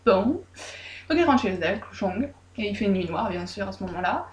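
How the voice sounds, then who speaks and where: A woman's voice: medium pitch, fairly quick. Joking woman retelling a folk tale. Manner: lively, joking, irreverent asides. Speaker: storyteller. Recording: roomy echo.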